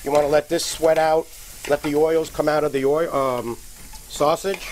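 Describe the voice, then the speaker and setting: A middle-aged man, a restaurant chef, explaining a cooking demonstration step by step in a relaxed way with many fillers. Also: fairly high pitch, moderate pace, a little hiss or hum. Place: TV studio kitchen by a sizzling stove.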